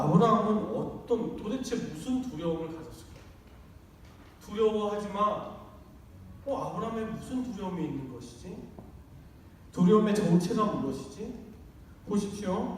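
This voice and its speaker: Male pastor, high voice, lively conversational sermon, far mic in a church hall. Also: a little hiss or hum. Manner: conversational, acts out quoted lines. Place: church sanctuary.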